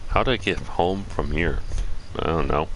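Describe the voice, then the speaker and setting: Casting: male game streamer, very low voice, halting read-aloud delivery mixed with casual commentary, some background noise. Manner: halting, often repeats and rereads phrases. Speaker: video game live streamer. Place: at home. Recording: noisy home stream microphone.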